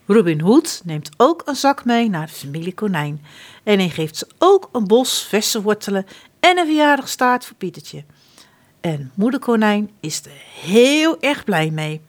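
Woman storyteller, storybook reading, expressive, slow pace, lively pitch.

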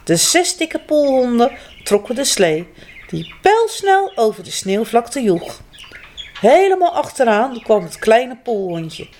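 A woman reads a children's story aloud, gentle and expressive. She speaks slowly, in a high voice that swings widely. Faint noise sits behind her.

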